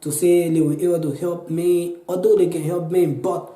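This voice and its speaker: This interview features a young Liberian man in his 20s recounting his personal experiences in a mellow, slightly high voice with little pitch movement and a moderate pace. His Liberian-accented account is earnest and pleading, full of repetition and restarts, captured in an echoey room on a low-quality recording.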